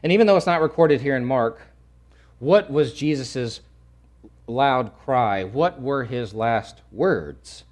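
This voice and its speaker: A man preaching a sermon, swinging from loud to hushed and repeating phrases for emphasis. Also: medium pitch, lively intonation, slow. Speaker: pastor.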